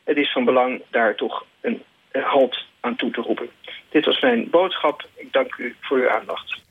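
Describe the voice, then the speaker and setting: A man, a lawyer, leaving a measured, formal voicemail message over the phone. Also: medium pitch. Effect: leaving a voicemail over a phone line. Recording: tinny phone line, husky.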